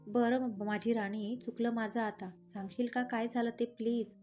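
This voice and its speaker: A woman voicing a young husband who flares up quickly but dotes on his wife, in a romantic audio story. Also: on the high side, steady tone, warm tone, soft background music, close to an everyday voice. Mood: doting. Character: young husband, hot-tempered but doting.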